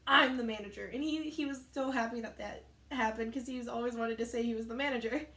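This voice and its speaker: A woman's voice: fairly high pitch, steady tone, brisk. A young woman casually telling rambling stories about her work, often correcting herself as she goes. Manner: rambling, chatty, self-correcting. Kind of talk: casual storytime chat. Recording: echoey room.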